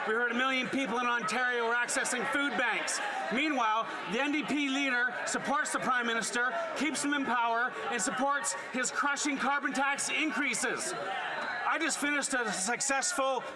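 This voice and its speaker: A man delivering a combative, shouted political speech with emphatic repetition as an opposition member. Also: extremely high pitch, normal speed. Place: large indoor legislative chamber. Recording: noisy chamber with loud crowd.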